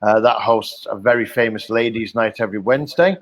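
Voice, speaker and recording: A middle-aged hospitality company director from Liverpool, England, with a Liverpool accent guests on a casual podcast interview over video call. His lowish voice moves briskly as he tells chatty, jokey stories full of "uh" and "um".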